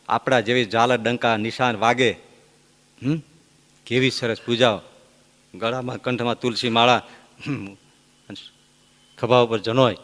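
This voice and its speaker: A man, a swami giving a storytelling sermon, who acts out the dialogue with sudden loud, high outbursts. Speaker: swami preaching a discourse. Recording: long hall reverb.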